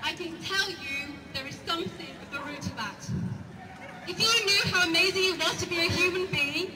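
A woman's voice: extremely high pitch, moderate pace. A woman giving an impassioned public speech at a protest rally, emphatic and repeating her phrases. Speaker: rally speaker. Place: outdoor square before a large stone building. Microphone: camera filming from the crowd, far from the speaker. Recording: distant, echoey, loud crowd and street noise. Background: crowd and passing vehicles.

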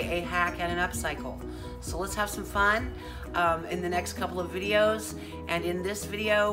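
A woman in her fifties chatting casually through a home craft tutorial, rambling with many fillers and restarts. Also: fairly low pitch. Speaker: craft vlogger. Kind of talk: casual DIY tutorial chat. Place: living room at home.

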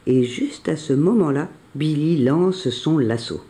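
A storyteller reading a children's picture book aloud with gentle, expressive narration. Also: medium pitch, a little slow.

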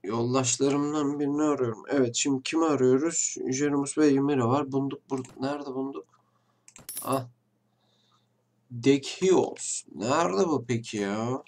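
A man's voice: medium pitch, normal speed, a little mellow. A man hosting a casual let's-play, chatting to viewers at a desk mic and trading mock-tough banter, with a blocked nose. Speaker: gaming channel host. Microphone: desk microphone. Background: faint game music and keyboard clicks.

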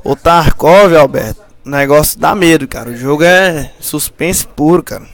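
A man's voice: a little high, moderate pace, vocal fry, fairly bright tone. A man chatting enthusiastically with friends while streaming a game. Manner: enthusiastic, chatty, says "cara" a lot. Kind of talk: casual gaming chat.

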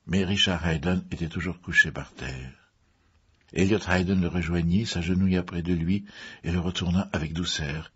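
Low, husky male narrator. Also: fairly even intonation, a bit bright, dull audio. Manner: measured, with occasional fillers. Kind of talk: audiobook reading.

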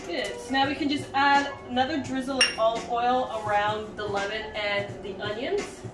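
A young woman home cook, her voice a little high and steady, gives an informal cooking demonstration at normal speed in her kitchen. She's recorded from a distance, so the sound echoes around the room, and music plays behind her.

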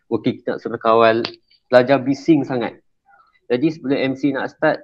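A man giving an informal workshop lecture to school prefects, chatty and often checking whether his listeners understand. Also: mid-range voice. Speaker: emcee trainer for school prefects. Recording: slightly dull lo-fi recording.

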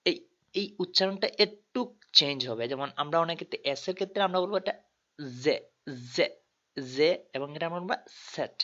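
A man's voice: on the high side, brisk, bright, forceful tone. A man teaching a tutorial, patiently spelling out letters one by one. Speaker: language tutor. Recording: dull lo-fi recording.

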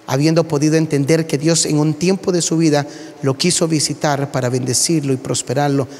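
A man preaching a sermon as a pastor, telling animated stories and calling his listeners brother. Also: on the high side, a little fast, slight background noise. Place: church hall. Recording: long hall reverb.

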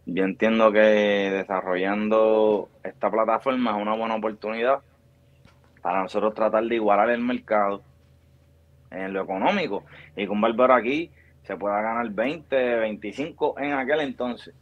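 A man's voice: fairly low pitch, moderate pace, no echo, lo-fi sound. A man in his thirties with a Puerto Rican accent, a barbershop founder explaining his business at length in a video call interview. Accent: Puerto Rican Spanish. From Puerto Rico. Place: small room with a bare grey wall. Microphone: video call mic.

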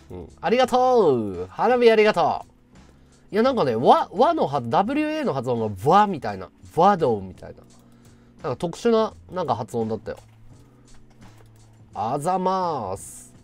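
A man in his thirties hosting a casual livestream, thanking viewers in excitable, loud bursts. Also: fairly high pitch. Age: 30s. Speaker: livestream host.

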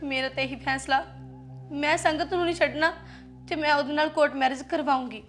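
Young Punjabi woman for short-film drama, high voice, pleading and insistent, music under. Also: steady tone, a little fast, fairly bright tone. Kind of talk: melodramatic short-film acting.

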